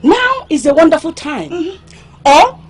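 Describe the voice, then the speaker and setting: An actress playing a bold, sharp-tongued young village woman who taunts loudly and scornfully. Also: extremely high pitch, very animated, unhurried, heavily acted. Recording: noisy background.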